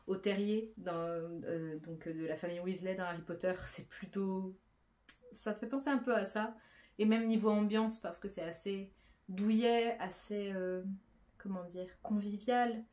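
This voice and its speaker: A woman's voice: medium pitch, a little mellow. A woman talking casually about books she has read, chatty, with frequent fillers and restarts. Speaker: book vlogger. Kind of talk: casual book review.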